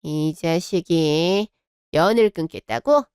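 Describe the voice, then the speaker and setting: A woman's voice: sits low, slow pace, a little mellow, clear, resonant tone, no echo, clean studio sound. A woman voicing a harsh, cruel older mother-in-law in a radio drama, scolding and contemptuous. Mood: indignant.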